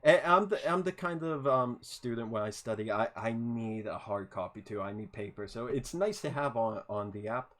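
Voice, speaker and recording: On a video call, a man hosts a casual podcast interview in a mid-range voice with lively intonation, normal speed, few pauses and a slightly bright tone. He's enthusiastic, stammering and repeating words in his eagerness.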